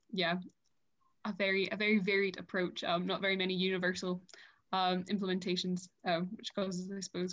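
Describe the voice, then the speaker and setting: Eighteen-year-old Scottish woman, lo-fi sound. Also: mid-range voice. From Scotland. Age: teens. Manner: articulate, frequent ums. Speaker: committee chair. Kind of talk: casual interview answers.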